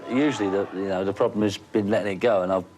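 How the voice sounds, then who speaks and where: A man's voice: on the low side, steady tone, fast, a little mellow, slight background noise. A man speaking frustratedly as a guest in an old television interview. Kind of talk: archival TV interview.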